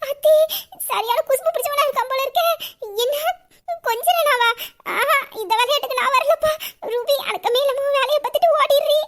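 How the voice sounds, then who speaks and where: A woman voicing a sharp-tongued young office assistant in an audio drama, grumbling asides under her breath. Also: very high-pitched, fairly quick. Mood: flustered. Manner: grumbling asides, exasperated muttering. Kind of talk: Tamil audio drama acting.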